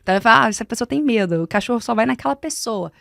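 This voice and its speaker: Brazilian woman mentor teaching on a podcast, animated and firm, bit of vocal fry, dry close mic. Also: a little high, very fast, no room sound. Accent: Brazilian Portuguese. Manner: didactic, emphatic, animated explaining. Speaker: guest speaker and mentor. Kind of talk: podcast conversation. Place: podcast studio.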